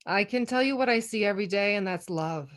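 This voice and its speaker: Woman school nurse, heartfelt, warm, laughs easily, video call audio. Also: mid-range voice, brisk. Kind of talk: thanking a board on a video call.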